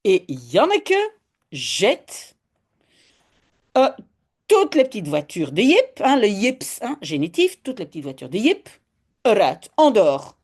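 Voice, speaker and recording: A woman's voice: mid-range voice, wildly swooping pitch, slow, pauses often, darkish tone, breathy edge. A woman from Belgium, patiently teaching Dutch step by step in an online lesson and often adding "hein".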